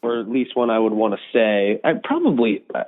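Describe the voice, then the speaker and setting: A man's voice: fairly low pitch, expressive. Easygoing man on a tinny phone line. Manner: reflective, easygoing, quick to laugh. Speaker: guest, mental health association director. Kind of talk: casual interview chat.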